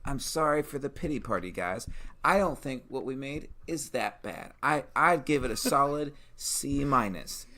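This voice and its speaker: A man co-hosting a podcast in casual chat, upbeat and encouraging as he pitches ideas. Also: animated, moderate pace, sharp tone. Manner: upbeat and encouraging, recites rhymes. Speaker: podcast co-host.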